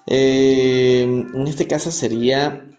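A man from Peru teaching English on a live stream, reading aloud and explaining words in Spanish, repeating each pronunciation slowly. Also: mid-range voice, fairly even intonation, darkish tone. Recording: echoey room, faint music behind.

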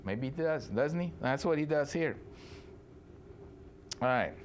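A man's voice: on the high side, lively intonation, measured pace, a little hiss or hum. A man teaching a casual Bible study as pastor, chatty and laughing as he acts out scenes. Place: church classroom.

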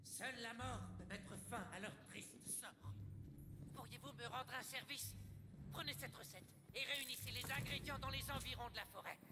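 A man's voice: very high voice, normal speed. A man voicing a small, fretful, scholarly creature in a video game, speaking in a formal, florid, earnest way. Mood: grave, earnest. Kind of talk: video game character acting. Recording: reverberant, under loud game music.

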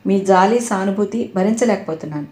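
A resigned, grieving woman defends her choices with quiet pride, as a female reader voices her in an audio novel. Her voice is mellow and warm. The recording has a roomy echo. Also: mid-range voice, brisk, close to an everyday voice. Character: grieving unmarried woman, dutiful and proud.

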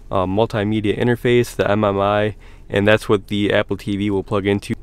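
Male host, under the weather, smooth low voice, relaxed walkthrough style. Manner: relaxed, many ums and uhs. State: sick, hoarse voice. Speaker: car channel host. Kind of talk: casual product walkthrough. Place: inside a car.

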